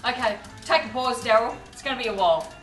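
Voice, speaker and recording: Giggly tipsy woman, high-pitched and echoey. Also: fast talker, a bit bright. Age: middle-aged. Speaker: home cook hosting a video. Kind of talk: casual cooking chat. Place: home kitchen, indoors. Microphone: camera a few steps away. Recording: echoey kitchen, distant mic, music.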